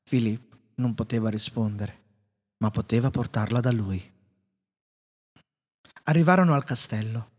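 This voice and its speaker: Man reading a fairy tale, husky. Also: medium pitch. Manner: calm, measured storytelling. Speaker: narrator. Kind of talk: storybook reading. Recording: reverberant room.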